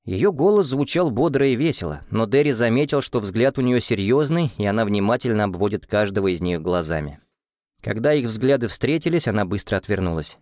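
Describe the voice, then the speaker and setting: A man reading a story aloud as narrator in a steady, measured way. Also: fairly low pitch, no echo, clean studio sound. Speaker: audiobook narrator. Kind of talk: scripted narration.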